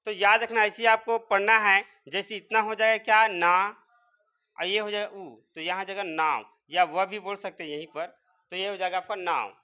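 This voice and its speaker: A man's voice: sits high, fairly even intonation, moderate pace, pushed and bright, smooth. A man teaching English pronunciation step by step, repeatedly quizzing his viewers. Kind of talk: spoken English lesson.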